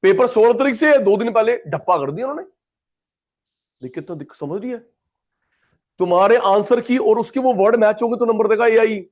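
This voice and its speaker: A man's voice: high-pitched, fairly quick, pauses often. A man teaching an economics class, chatty and repetitive, calling students by name. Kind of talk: classroom lecture.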